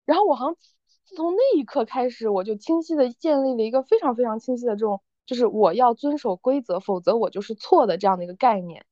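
A woman co-host rattles through a casual podcast chat at a quick clip, her voice sitting a little high. She tells stories with animation and acts out the people she quotes. The recording is dry and a bit dull, like a lo-fi home setup. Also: lively intonation, dark tone, dry recording.

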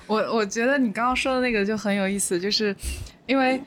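Woman, podcast guest, casual chat, hesitant, slightly high voice, faint hiss. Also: fast talker, a bit bright. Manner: hesitant, thinking aloud.

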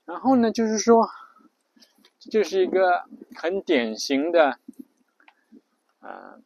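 A man hosts a spoken audio show and talks slowly and unhurriedly, thinking aloud with plenty of fillers. His voice sits a little higher than most men's and sounds dry and close, with no room around it. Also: very animated, gravelly, darkish tone, no echo, dull audio. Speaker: podcast host. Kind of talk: casual explainer monologue.

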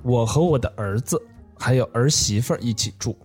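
A man's voice: medium pitch, a little fast, darkish tone, husky, faint music behind. A man telling puzzles and stories to friends in a casual chat, matter-of-fact. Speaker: puzzle host.

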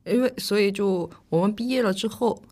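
A woman's voice: medium pitch, a little fast, a little mellow. Young Korean-accented woman, foreigner speaking Mandarin. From South Korea. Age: young adult. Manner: foreigner speaking Mandarin in short, simple, searching phrases. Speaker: guest, international student. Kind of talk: casual interview chat.

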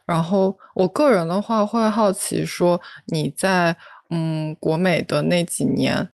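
Low, gravelly woman host. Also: unhurried, darkish tone, no echo, clean studio sound. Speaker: podcast host. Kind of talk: interview question.

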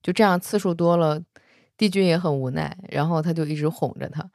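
Woman, casual storyteller, slightly low voice, close and dry. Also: a little fast, gravelly, dry recording. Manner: chatty, with soft sentence-final particles. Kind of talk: casual retelling of a romance novel.

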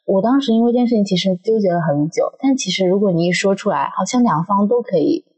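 A woman co-hosting a podcast in casual chat, telling stories in an animated way and laughing often. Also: mid-range voice, fast, breathy edge, rough recording. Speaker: podcast co-host.

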